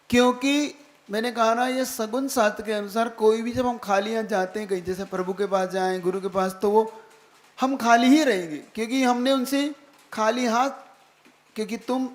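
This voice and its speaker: Male monk with a high-pitched voice; preaches with emphasis and repeated questions to the audience. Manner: keeps checking the listeners follow with direct questions; emphatic, repeats key phrases. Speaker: Jain monk. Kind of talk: sermon.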